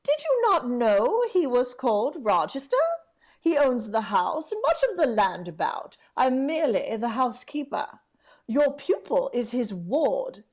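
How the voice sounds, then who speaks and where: In a vintage-style radio drama, a woman voices a genteel elderly housekeeper who is kindly, chatty and a little hard of hearing, with a fussy, exclamatory manner. Her voice sits on the high side with a somewhat dark tone, big pitch swings and a slightly slow pace.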